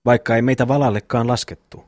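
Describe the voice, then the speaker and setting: A man reading an audiobook, voicing a slow, rambling simple-minded peasant brother in a folksy way. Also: mid-range voice, fairly even intonation, darkish tone, no room sound, studio quality, natural voice. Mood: musing. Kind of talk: audiobook reading of a classic novel.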